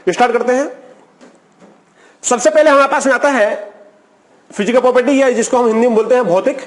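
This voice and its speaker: A man teaching a chemistry video lecture, who keeps asking a question and answering it himself in a steady repetitive explaining style. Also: very high-pitched, a little fast. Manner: asks the class a question, then answers it himself.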